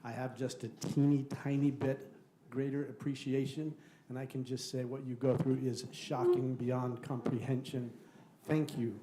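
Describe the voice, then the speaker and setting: Mellow, flat-voiced man thanking officers. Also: medium pitch, moderate pace, slight background noise, poor audio. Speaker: council member. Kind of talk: formal thank-you remarks. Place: council meeting room.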